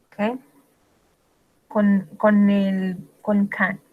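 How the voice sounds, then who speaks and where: A woman teaching English grammar in a bilingual lesson, explaining step by step, checking in often with her students, and slowing down to read out example sentences. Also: medium pitch, completely flat delivery, phone-quality sound. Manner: explains patiently, switching between Spanish and English, many check-ins.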